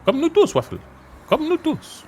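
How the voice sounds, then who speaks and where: Man voicing a police chief, high-pitched, Marseille accent, excitable, bouncy pitch, faint music. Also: measured pace, full character voice. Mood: chatty. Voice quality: high and bright.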